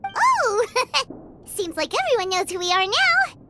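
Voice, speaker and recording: A woman's voice: extremely high pitch, big pitch swings, slow pace, full character voice. A woman voicing a tiny, chirpy, curious fairy companion girl in a video game. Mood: curious, surprised. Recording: music behind the voice.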